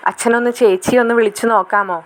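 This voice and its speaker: A woman's voice: mid-range voice, fairly even intonation, fast talker, lightly acted. A woman voicing a curious teenage girl who pesters her older sister with prying, teasing questions.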